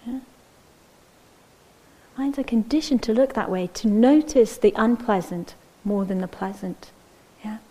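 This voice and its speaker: A woman meditation teacher giving a gentle, unhurried dharma talk, often checking in with "yeah?" and sometimes dropping to a near-whisper. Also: fairly high pitch, poor audio.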